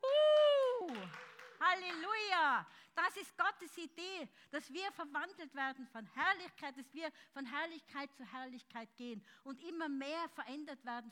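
A woman preaching a charismatic sermon, calling out loudly and then dropping to soft, close speech. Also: high-pitched. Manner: fervent, swings between loud shouts and soft intimate speech.

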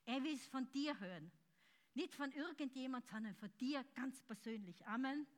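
Fervent high-voiced woman preaching. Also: lively intonation, moderate pace. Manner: fervent, swings between loud shouts and soft intimate speech. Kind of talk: charismatic sermon.

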